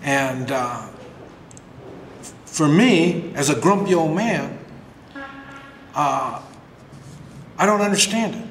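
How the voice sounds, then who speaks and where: Grumpy older man ranting, high-pitched voice, echoey room. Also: expressive, slow, pauses often, a bit bright. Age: older, about 60s. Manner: grumpy, blunt, exasperated, with rhetorical questions. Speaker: vlogger delivering opinion rants. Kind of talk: unscripted opinion rant to camera. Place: bare-walled room indoors at home. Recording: echoey, reverberant room with faint noise.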